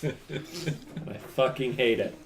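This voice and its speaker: A man's voice: medium pitch, extremely slow, gravelly, noisy background. A man joking and laughing with friends as a player in a tabletop role-playing game, with a slightly stoned-sounding drawl. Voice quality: sounds like a stoned drawl, by his own account. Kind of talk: casual tabletop game chat.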